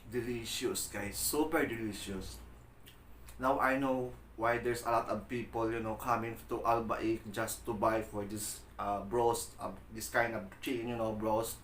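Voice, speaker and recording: A man's voice: on the low side, little pitch movement, moderate pace, hardly any pauses, a bit bright. A Filipino man, a native Tagalog speaker, chatting casually to viewers in simple, exclaiming English while eating crunchy fried chicken in a mukbang. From Philippines. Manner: exclaiming, repetitive praise of food in simple English. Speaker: mukbang vlogger. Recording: echoey room, faint background noise.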